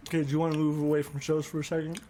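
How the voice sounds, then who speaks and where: A man's voice: a little high, fast, dark tone, a little hiss or hum. A tipsy man co-hosting a casual podcast chat, rambling and chuckling as he talks and swearing freely. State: tipsy from drinking. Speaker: podcast co-host; musician.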